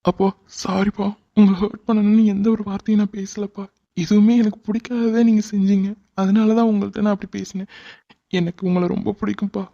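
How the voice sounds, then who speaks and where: A man voicing a young cartoon son who is quick-tempered but devoted to his father. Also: high-pitched, little pitch movement, gravelly, mellow, lo-fi sound. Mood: pleading. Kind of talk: cartoon voice acting.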